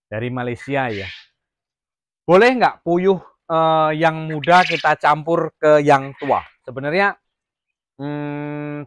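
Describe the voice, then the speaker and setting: A man's voice: a little high, a bit bright, a little hiss or hum. A man from Jambi, Indonesia, running a casual farm vlog about raising quail, rambling with many fillers and restarts. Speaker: quail farmer vlogger. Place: quail farm, near the cages.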